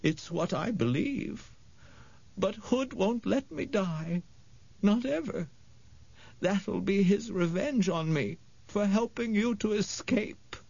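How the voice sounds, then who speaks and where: A sorrowful ancient woman, put on by a male audiobook reader, her high voice worn thin and creaky. She speaks slowly and tenderly, as if every word costs her. The read sounds dry and a little dull. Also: lively intonation, a little mellow, no echo, full character voice. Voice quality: creaky, frail. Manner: slow, tender, calling the boy "my sweet".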